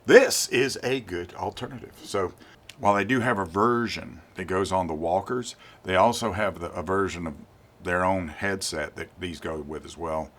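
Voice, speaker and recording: Hosting a casual gear review on his channel, a man in his 50s or older speaks in a low-pitched, fairly bright voice. He addresses viewers directly, deliberately and emphatically, repeating words to hammer his points home.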